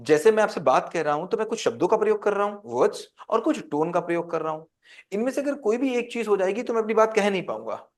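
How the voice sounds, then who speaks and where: Man, high voice, teacher, interactive lecture, asks the class questions. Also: animated, fast talker. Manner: quizzes the class with call-and-response questions.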